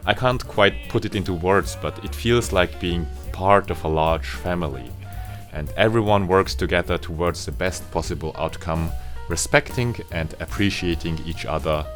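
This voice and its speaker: A low-voiced man from Austria narrates his own work as an opera director in a calm vlog, at normal speed. He speaks earnestly and appreciatively, with faint music underneath.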